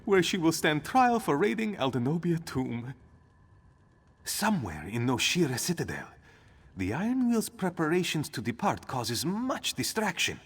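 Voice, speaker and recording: An actor playing an anxious, excitable male lizard-folk ally in a game cutscene, with formal, fussy speech. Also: on the high side, husky, exaggerated voice.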